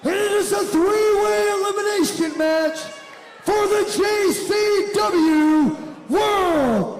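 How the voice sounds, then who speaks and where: A man making formal, drawn-out wrestling ring announcements. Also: very high-pitched, shouting. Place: large indoor venue. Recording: long arena echo, crowd behind. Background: crowd and faint music.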